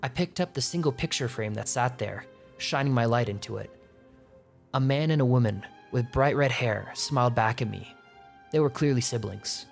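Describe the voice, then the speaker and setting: A man's voice: medium pitch, gravelly. Man narrating a horror story. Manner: tense, measured storytelling. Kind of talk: scripted first-person narration. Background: faint music.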